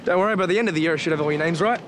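A man's voice: on the high side, racing, lightly acted. Guy doing a chill aussie surf coach, middle-aged, blunt and easygoing, waves and noise behind him. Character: laid-back former pro surfer, male coach. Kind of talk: TV teen drama acting.

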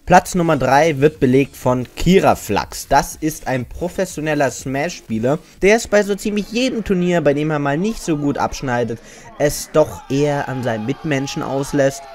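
A man's voice: fairly high pitch, moderate pace, darkish tone. A man hosting and narrating a countdown in a scripted style. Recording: music behind the voice. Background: music.

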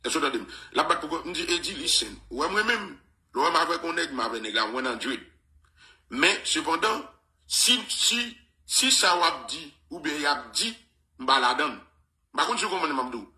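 A man with a Haitian accent talks on the radio in a bright, forceful voice. He stumbles over repeated words and drops in English phrases as he goes. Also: on the high side, lively intonation, normal speed, reverberant, rough recording. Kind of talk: casual radio talk.

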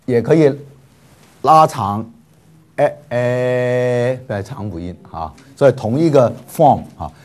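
A man's voice: mid-range voice, very animated, slightly rough. A man teaching a class, leading drills with repeated syllables and playful asides. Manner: slow, drawn-out, repeats syllables for students to follow; frequent filler particles, playful asides.

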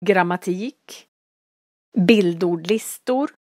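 A woman teaching Swedish, reading out verb forms and synonyms one at a time in a slow, careful drill. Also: fairly low pitch, warm tone, no room sound, clean studio sound. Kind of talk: slow, clear vocabulary drill.

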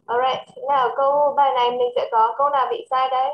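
A woman with a Vietnamese accent teaching English to a child over a video call, switching between English and Vietnamese and reading English phrases slowly. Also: sits high, flat delivery, lo-fi sound, a little hiss or hum. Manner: mixes English and Vietnamese, slow careful English. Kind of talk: online English lesson for a child.

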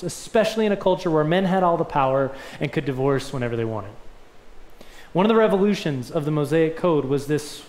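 Earnest young male pastor, high voice. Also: darkish tone. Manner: earnest, gesturing preacher with rising emphatic swells. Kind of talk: sermon. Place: church sanctuary. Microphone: lectern mic. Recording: echoey church room.

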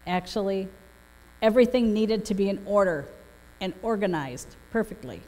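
With lively intonation and a dark tone, a middle-aged woman pastor speaks at normal speed in a medium pitch, delivering a prepared sermon with storytelling from the pulpit. The sound comes through a gooseneck pulpit microphone in an echoing church hall with long reverb.

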